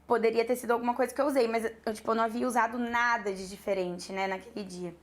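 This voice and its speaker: A woman in her thirties with a Brazilian accent tells her students a story from her work as a makeup artist. She talks in an animated way and acts out every exchange in quoted dialogue. Her voice sits a little high. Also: fast. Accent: Brazilian Portuguese. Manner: lively, animated retelling with quoted dialogue and laughs.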